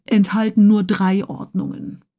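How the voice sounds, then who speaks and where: A tireless, pedantic young man lists facts with unwavering precision, as a woman reading a storybook puts him on. The voice sits a little above her usual pitch, with a mellow, soft tone. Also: level tone, measured pace, natural voice. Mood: lecturing. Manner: lecturing, precise listing. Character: pedantic learned male servant, tireless.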